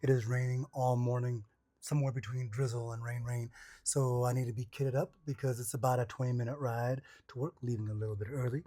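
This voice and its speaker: At home, a vlogger shows off his cycling rain gear, joking to the camera as he gets dressed in short, slangy bursts packed with catchphrases and exclamations. His voice is medium-pitched, warm and fairly even, and he talks fairly quickly.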